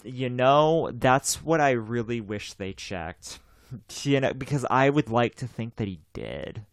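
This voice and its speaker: Smooth-voiced young man, chatty host. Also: mid-range voice, animated, a little slow, dry recording, studio quality. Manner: rambling, repeats himself, laughs often. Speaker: podcast host. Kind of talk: casual chat.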